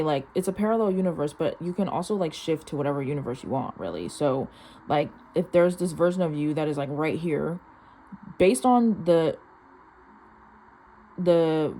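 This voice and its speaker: A woman's voice: fairly low pitch, warm tone. A young woman giving a casual, rambling mystical tarot reading in an informal, chatty way, saying "like" a lot. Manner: chatty, informal mystical card interpreter with heavy use of "like". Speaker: tarot card reader. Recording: clear background noise.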